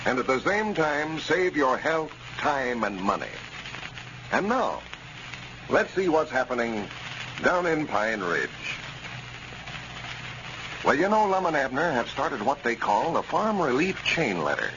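A man's voice: mid-range voice, sing-song, unhurried, pauses often, highs cut off. A man speaking as an old-time radio announcer, with a folksy, emphatic sales delivery, on a vintage radio recording. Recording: noisy, band-limited vintage radio recording.

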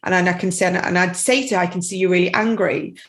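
A woman's voice: lowish voice, steady tone, fast, fairly bright tone, poor audio. A middle-aged woman speaking as a podcast guest, chatty and rambling, with many "you know"s. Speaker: guest, tapping practitioner and parent. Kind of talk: casual podcast interview.

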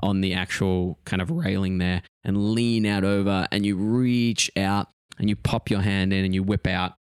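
A man with a fairly low voice acts as game master for a tabletop game. He improvises descriptions casually, and the sound is dry with little room on it. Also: steady tone, moderate pace, smooth, dry recording.

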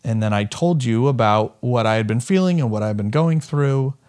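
A young man speaks with his mother in a hesitant, searching way, pausing often on fillers. His voice sits at a middle pitch for a man. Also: darkish tone, smooth. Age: young adult. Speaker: son. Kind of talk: candid personal conversation.

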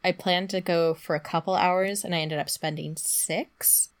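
A woman with a gravelly voice, hoarse from throat trouble, co-hosting a podcast with casual banter. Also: lowish voice, fairly even intonation, normal speed. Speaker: podcast co-host.

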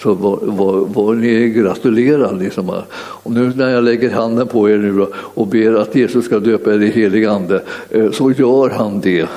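A man preaching a sermon and telling a personal story, halting and repeating himself with many fillers and restarts. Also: lowish voice, fairly even intonation, dark tone. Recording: long hall reverb.

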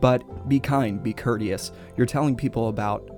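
A man's voice: medium pitch, moderate pace, a little mellow, faint music behind. A man, a pastor co-hosting a church podcast, talking casually and upbeat about reaching people. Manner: upbeat, acts out quoted people in livelier voices.

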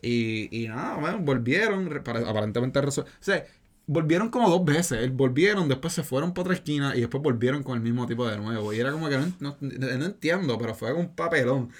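A man's voice: medium pitch, expressive, fairly quick. A young man, casually telling a story on a podcast in a slangy, rambling way full of fillers. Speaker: podcast co-host.

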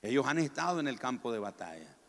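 A man preaching a sermon in a large church, stressing his points by repeating them in slow, drawn-out phrases. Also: medium pitch, very animated. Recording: long hall reverb.

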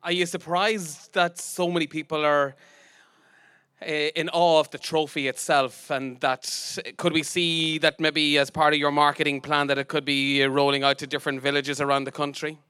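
A man's voice: a little high, little pitch movement, moderate pace, pushed and bright, clean tone, dry recording. A man with an Irish accent, interviewing guests as the host of a live event.

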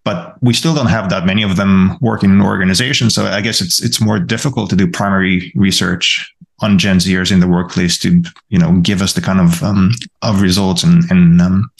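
Deep gravelly-voiced male professor. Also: fairly even intonation, normal speed. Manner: thoughtful, many restarts and repeated words. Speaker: podcast co-host, college professor. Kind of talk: casual academic discussion.

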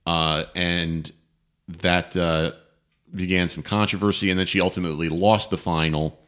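A man in his thirties with a low, deep voice co-hosts a casual talk show. He argues his points emphatically, with plenty of ums, uhs and restarts. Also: little pitch movement, moderate pace, fairly bright tone. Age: 30s. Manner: emphatic, frequent fillers and restarts. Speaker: podcast co-host. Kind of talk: casual opinionated chat.

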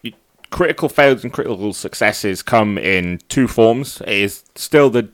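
Game master, male, somewhat low voice, casual and informal, explaining rules to the group. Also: expressive, normal speed.

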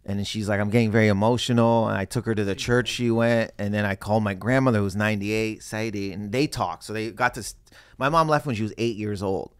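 A man's voice: fairly low pitch, fast, clear, resonant tone, no room sound. A man, a comedian, telling a story in casual conversation and acting out the voices of the people in it. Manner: animated storyteller who acts out quoted voices. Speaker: stand-up comedian guest.

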